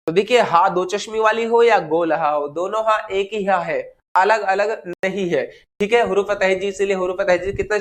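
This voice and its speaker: A man teaching a grammar lesson, asking the class questions and answering them himself, slowing down to spell out each example word. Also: high voice. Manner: slows down to spell out example words. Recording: noisy recording.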